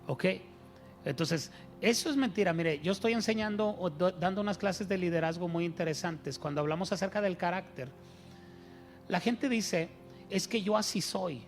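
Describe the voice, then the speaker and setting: A man's voice: high voice, normal speed, faint music behind. A man preaching a sermon as pastor, telling stories and asking his congregation rhetorical questions.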